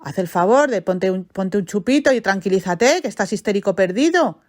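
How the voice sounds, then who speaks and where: A woman doing a calm, soothing grandfather. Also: medium pitch, brisk, close to an everyday voice. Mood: firm. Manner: calm, reassuring, gentle.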